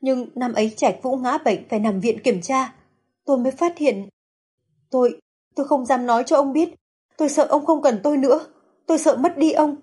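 A heartbroken middle-aged mother pleads through tears, her voice climbing high with desperation, as a woman narrator acts her out. The tone is dark and mellow, and heavily breathy. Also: moderate pace. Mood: guilty pleading.

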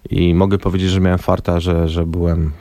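Low-voiced man telling lively anecdotes. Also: fairly quick, no echo. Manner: lively anecdotal storyteller, acts out quoted dialogue. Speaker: former national team press officer. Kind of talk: radio interview storytelling. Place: radio studio. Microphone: studio microphone.

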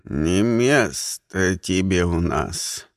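A man voicing a gruff old egg villager who grumbles slowly in a low voice. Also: lively intonation, dry recording, studio quality, heavily acted. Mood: stern.

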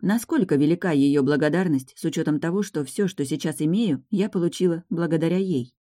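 A woman narrating a first-person fantasy audiobook in an even, low-key manner. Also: a little fast.

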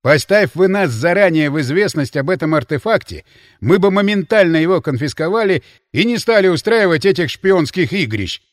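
A man's voice: high voice, lively intonation, no room sound, clean studio sound, pitched above the performer's own voice. A man voicing a stern, commanding deputy commander. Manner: brisk, authoritative. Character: stern commanding male deputy military leader.

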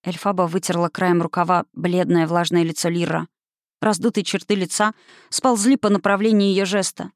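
An audiobook narrator reading a fantasy novel in a steady, even storytelling voice, close to the mic. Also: mid-range voice, moderate pace, no echo.

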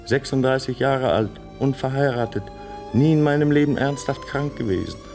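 A man's voice: mid-range voice, darkish tone, soft background music, natural voice. An actor in a radio play voicing a man in his thirties, anxious and pleading that he is not mad. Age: 30s. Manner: urgent, pleading, rushing. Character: anxious male driver, 36, fearing madness.

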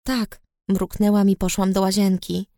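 A woman reads an audiobook in the first person, with an expressive storytelling manner. Her pitch sits in the middle. The recording is close and dry. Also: normal speed, no echo. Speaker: audiobook narrator.

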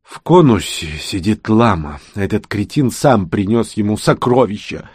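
A man's voice: on the low side, expressive, measured pace, a little mellow, husky, no echo, clean studio sound. A man voicing a proud, headstrong young witch in an audiobook, snappish and insistent. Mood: bitter. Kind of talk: audiobook character reading.

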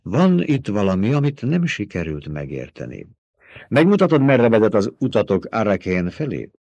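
A man's voice: fairly low pitch, big pitch swings, creaky, a little mellow, no room sound, dull audio, pitched above the performer's own voice, full character voice. A man reading an audiobook, voicing a wary, hardened older war counselor who speaks guardedly and curtly. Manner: guarded, curt.

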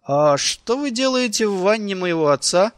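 A man voicing an awkward teenage boy who answers haltingly and shyly in an audiobook. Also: high-pitched, expressive, no room sound, pitched above the performer's own voice. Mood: hesitant. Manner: hesitant, halting.

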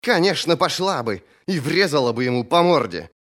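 A fierce young warrior woman with a blunt, mocking tongue, voiced by a male audiobook reader. Her voice sits a little higher than his own and swings with lively pitch. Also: normal speed. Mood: scornful. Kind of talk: audiobook character voice.

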